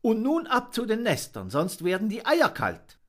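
A man voicing a gentle, motherly female dove in a storybook reading, with a soft, cooing manner. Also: high voice, wildly swooping pitch, normal speed, pitched above the performer's own voice, heavily acted. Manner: cooing, tender.

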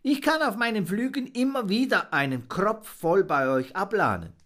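A man's voice: high voice, animated, normal speed, a bit bright, pitched above the performer's own voice. A friendly male dove, voiced by a man. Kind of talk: storybook reading.

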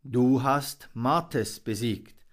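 A man's voice: mid-range voice, extremely slow. A man voicing a proud, fatherly old male raven in a storybook reading.

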